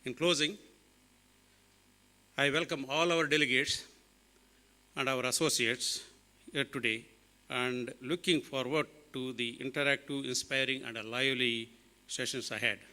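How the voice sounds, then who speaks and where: A company executive delivers a prepared welcome speech at a measured pace. His voice is very bright and forward. The sound carries a long reverb from a large hall. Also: medium pitch, steady tone. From USA.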